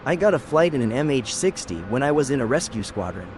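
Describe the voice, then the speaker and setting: A computer-generated male voice reading viewer chat messages aloud in a flat delivery. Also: mid-range voice, quick pace, a little hiss or hum. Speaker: text-to-speech chat reader.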